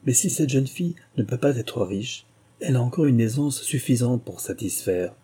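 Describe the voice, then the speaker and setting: A man reading an audiobook and voicing a dignified older male baronet with a measured, formal delivery. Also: medium pitch, animated, mellow, slightly rough. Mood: stern.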